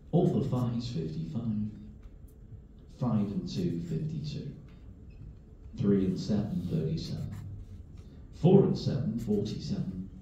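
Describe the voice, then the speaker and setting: A man's voice: deep voice, mellow. A British man working as a bingo caller, calling numbers in clipped, formulaic patter, digit by digit and then whole. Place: large echoing bingo hall. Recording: very echoey hall, distant muffled mic, faint noise.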